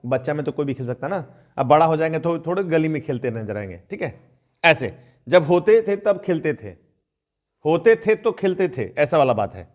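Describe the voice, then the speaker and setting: A man teaching an online grammar lesson in a conversational way, reading example sentences slowly and deliberately. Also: on the high side, darkish tone. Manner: conversational, addresses viewers as friends. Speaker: English teacher.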